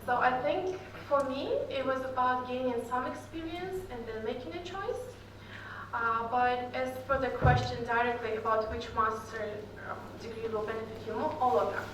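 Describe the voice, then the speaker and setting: At a student Q&A, a young woman from Kyrgyzstan who grew up speaking Russian returns as an alumni guest and answers casually, using lots of fillers. She has a slightly high, fairly bright voice and a moderate pace. The audio, taken from far off in a large echoey hall, has slight background noise.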